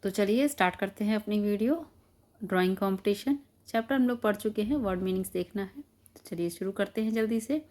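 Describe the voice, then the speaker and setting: एक महिला शिक्षिका, जो बच्चों को धैर्य से शब्दों के अर्थ समझाती है और हर शब्द को धीरे-धीरे दोहराती है।. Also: female voice, medium pitch, darkish tone. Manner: repeats each word slowly, patient classroom explaining. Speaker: teacher. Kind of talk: explaining word meanings to children.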